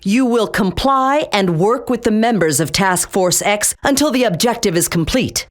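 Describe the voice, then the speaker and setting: In these video game voice lines, an actress uses her natural, mid-range voice, expressive and at normal speed. She portrays a stern female government agency director who is blunt and intimidating, giving commanding orders over radio-style briefings.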